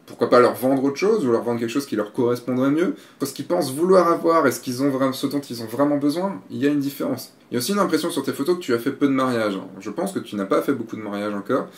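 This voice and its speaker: A man's voice: mid-range voice, echoey room. A man giving a frank, casual critique of a photographer's website, blunt and given to swearing.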